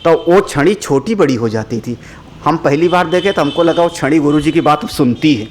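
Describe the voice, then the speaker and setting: A man, a spiritual teacher, giving a religious discourse with animated storytelling. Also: a little high, normal speed, slight background noise. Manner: animated storytelling, rising loud for dramatic moments.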